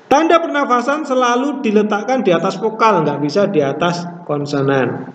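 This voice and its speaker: A man teaching a classroom language lesson, explaining step by step and repeating words slowly to model pronunciation. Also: high-pitched, fairly bright tone. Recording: echoey room, distant mic, dull lo-fi sound.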